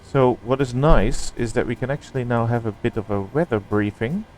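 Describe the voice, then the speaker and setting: A man's voice: mid-range voice, normal speed, darkish tone, a little hiss or hum, poor audio. A man giving casual running commentary on a simulated flight, thinking aloud in short fragments.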